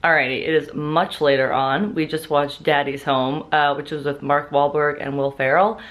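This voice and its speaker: In this casual day-in-the-life vlog, a woman in her 20s talks to a handheld camera at arm's length while out in streets and shops and around her home. Her low voice keeps a level tone at a moderate pace. The background is noisy, with clear music behind her.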